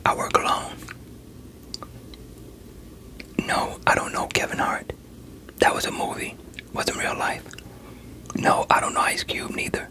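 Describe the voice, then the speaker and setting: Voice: moderate pace, pushed and bright, close to an everyday voice, rough recording. A performer in a whispered role-play voicing a veteran police interrogator who coaxes and pressures a suspect in a sceptical, streetwise way. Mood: impatient, dry.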